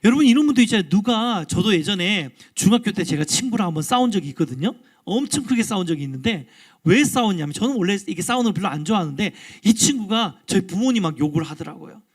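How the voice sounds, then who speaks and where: A male pastor giving an all-ages sermon in a lively, interactive storytelling manner, often asking the congregation questions. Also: high-pitched, fast, slightly rough. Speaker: guest pastor.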